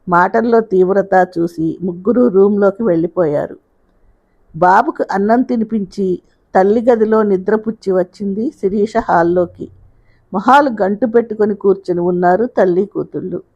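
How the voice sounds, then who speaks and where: A woman reads the narration of a novel in an even storytelling voice. Her pitch sits in the middle range. The recording sounds dull and lo-fi. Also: moderate pace. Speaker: audiobook narrator. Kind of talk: scripted narration.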